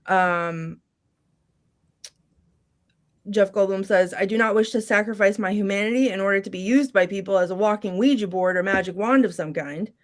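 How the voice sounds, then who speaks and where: Chatty woman rattling off movie quotes. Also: mid-range voice. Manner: reads lines briskly with many ums and small laughs. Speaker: podcast panelist. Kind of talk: casual chat, reading movie quotes aloud.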